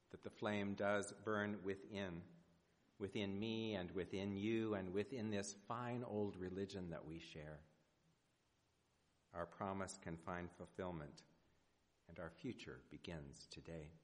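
Low-voiced male preacher in an echoing hall. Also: steady tone. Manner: measured, rhetorical phrasing with deliberate pauses. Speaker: preacher giving a church sermon. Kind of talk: sermon, prepared oratory. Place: large indoor church sanctuary. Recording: reverberant church hall.

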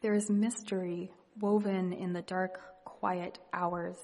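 A woman leading a guided meditation and reading reflective poetry in a hushed, gentle, unhurried manner with long pauses. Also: on the low side, level tone. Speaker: meditation leader. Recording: long reverberant hall echo.

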